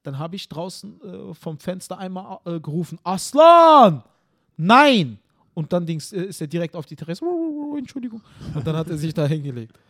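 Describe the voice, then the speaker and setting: A man co-hosting a comedy podcast, telling stories animatedly in casual chat and often tagging his sentences with quick questions. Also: fairly high pitch. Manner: animated storyteller, tag questions, acts out scenes.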